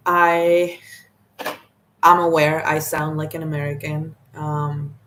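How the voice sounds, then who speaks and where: Speaking slowly in a low, monotone voice, a young Mexican woman whose first language is Spanish introduces herself casually to the camera. The vlogger rambles self-consciously, filling her talk with "like" and "um," and her camera mic picks up a faint hiss or hum.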